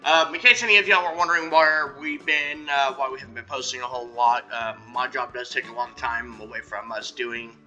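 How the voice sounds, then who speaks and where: Relaxed man hosting a game video. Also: medium pitch, fairly quick, few pauses. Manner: relaxed, with frequent "uh" fillers. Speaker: host of a gaming channel. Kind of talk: casual gameplay chat. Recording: dull lo-fi sound, faint music.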